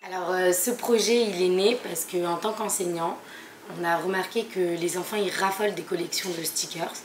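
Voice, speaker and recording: Lowish-voiced woman in an echoey room. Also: steady tone, moderate pace, a little hiss or hum. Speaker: teacher. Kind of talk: spoken presentation.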